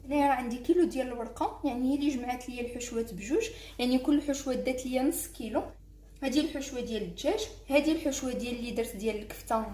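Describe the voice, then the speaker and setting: A woman's voice: high-pitched, rapid-fire, warm tone, echoey room. A woman with a Moroccan Arabic accent hosting a cooking tutorial, talking viewers through each fold as she works. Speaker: cooking channel host.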